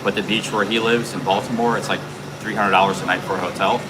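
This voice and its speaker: A loud, low-voiced man streams outdoors on a city street using a streaming camera rig, with street noise audible behind him. He chats casually at a quick pace and a steady tone, rambling with plenty of "uh"s and restarts.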